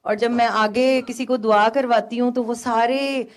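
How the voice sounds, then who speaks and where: Young woman guest, higher-pitched voice, earnest emotional testimony, hesitant fillers. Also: steady tone. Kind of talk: personal testimony on a call.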